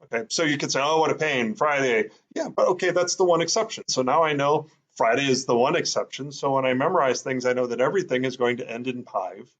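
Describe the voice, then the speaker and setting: Guy explaining a lesson casually, lots of uhs, mid pitch, kinda muffled audio. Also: quick pace, hardly any pauses. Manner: thinking aloud, many fillers, sounding out words. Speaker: teacher.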